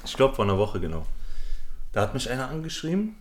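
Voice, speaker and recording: A man's voice: mid-range voice, sing-song, fast talker, very noisy. Young man telling a rambling story. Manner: rambling slangy anecdote with many fillers. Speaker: podcast host. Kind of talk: casual storytelling among friends.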